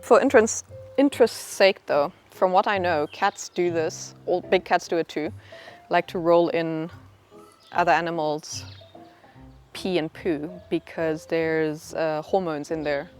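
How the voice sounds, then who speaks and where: Woman host of a cat vlog, chatty, laughs often, lowish voice, faint music. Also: a little slow. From born in Germany, raised in France. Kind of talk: casual chat.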